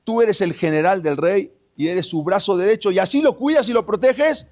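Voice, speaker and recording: A man voicing a bold, righteous young male leader who calls out loudly and accusingly. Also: sits high, brisk, vocal fry, pitched above the performer's own voice. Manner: loud, raised, accusing calls.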